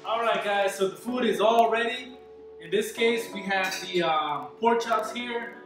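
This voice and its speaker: High-voiced man hosting a casual cooking video. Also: measured pace, over music, poor audio. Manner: relaxed, many ums and uhs while explaining.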